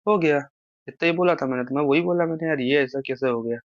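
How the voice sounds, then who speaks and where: This man's voice is on the high side and quick, heard without echo through a muffled, lo-fi recorded phone line. Chatting casually, he goes on at length, justifying himself and pleading with the person on the other end.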